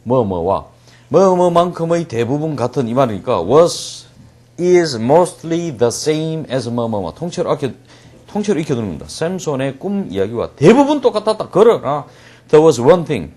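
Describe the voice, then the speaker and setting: Male English-reading teacher, husky, lively pitch, jokey lecture with acted-out asides. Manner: jokey, acts out scenes with quick asides and laughs. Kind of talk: lecture translating a story line by line.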